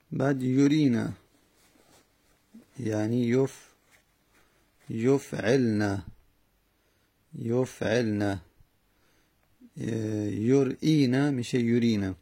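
Gravelly, dark-voiced male grammar teacher. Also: mid-range voice. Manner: slow methodical conjugation drilling with fillers. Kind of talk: Arabic morphology lesson in Persian.

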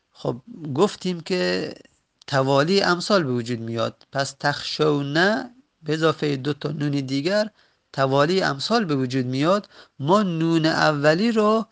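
A man teaching a grammar lesson, patiently explaining and slowly repeating each example word. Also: a little high, gravelly, fairly bright tone.

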